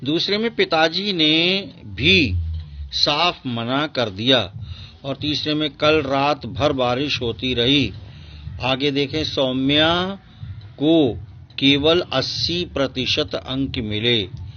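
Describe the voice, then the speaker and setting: A man's voice: mid-range voice, takes it slowly, muffled recording, a little hiss or hum. A male school teacher giving a patient grammar lesson to children, repeating each example sentence and explaining it step by step.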